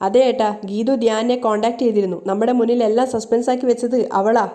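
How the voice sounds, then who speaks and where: A devoted young sister from a TV serial, pleading with her brother in quick, plain lines, as a woman reading the recap speaks them. The voice is mellow and fairly high. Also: fairly even intonation, close to an everyday voice.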